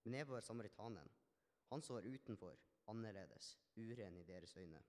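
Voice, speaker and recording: A man's voice: lowish voice, expressive, darkish tone, lightly acted. A man playing a healed Samaritan leper man, telling his story in an earnest, reflective first-person monologue with small restarts. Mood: grateful. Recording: long hall reverb.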